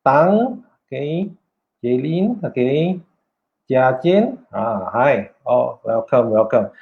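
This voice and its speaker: A Malaysian man hosts a live online workshop, stalling on "okay" and "uh" as he greets viewers. His voice sits at a middling pitch. The stream audio is dull and lo-fi. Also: big pitch swings, slow pace, creaky. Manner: hesitant, many "okay" and "uh" fillers. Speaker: workshop host.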